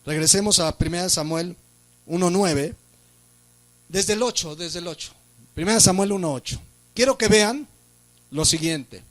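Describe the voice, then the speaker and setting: Man, pastor, Mexican Spanish accent, high-pitched, church sermon, rhetorical questions. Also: measured pace, pauses often. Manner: preaching with rhetorical questions and emphatic rises.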